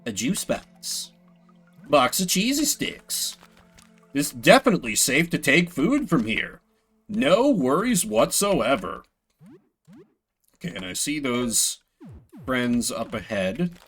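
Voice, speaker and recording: While streaming a video game, a man gives casual, rambling commentary, voicing game text and tossing in playful, mock-grandiose asides. His medium-pitched voice is fairly bright and slightly rough, swinging widely in pitch at a slow pace with frequent pauses. Faint music plays behind him.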